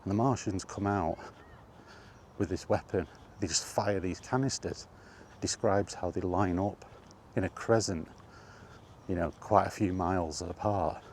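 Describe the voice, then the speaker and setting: Talking as he walks outside, a vlogger rambles casually in a low, slightly mellow voice, a little slow. He corrects himself along the way and gets worked up over his point, and there's a little hiss or hum.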